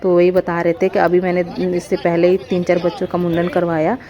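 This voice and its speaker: A woman's voice: on the low side, monotone, a little fast, muffled recording, a crowd in the background. A young woman vlogger telling viewers a heartfelt story in a rambling, casual way, often calling them guys. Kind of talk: emotional casual vlog narration.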